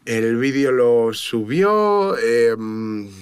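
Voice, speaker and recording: A man speaks with a Spain Spanish accent in a middle-pitched voice, recorded dry and close. He tells stories in a lively, slangy, informal way, as a tattoo artist chatting on a podcast. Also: drawn-out words, clean tone, dry recording. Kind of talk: casual podcast chat.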